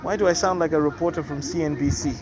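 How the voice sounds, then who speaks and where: A man's voice: on the high side, fast talker. A man hosting a casual commentary show, chatty and opinionated with rambling asides. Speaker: host. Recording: noisy with loud music nearby. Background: neighbours' music and noise.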